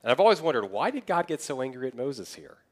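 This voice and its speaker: A young man preaching a sermon as pastor, in a conversational way, acting out people's excuses in quick asides. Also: medium pitch, very animated. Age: young adult.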